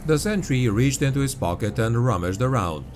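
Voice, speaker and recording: A man reading grimdark fantasy as an audiobook narrator, with grave, dark, dramatic storytelling. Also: mid-range voice, expressive, normal speed. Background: music.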